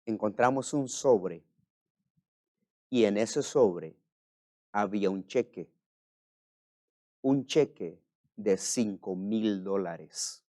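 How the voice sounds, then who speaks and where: A male pastor preaching a sermon, moving between hushed personal storytelling and loud, impassioned preaching. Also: lowish voice, dry recording, studio quality.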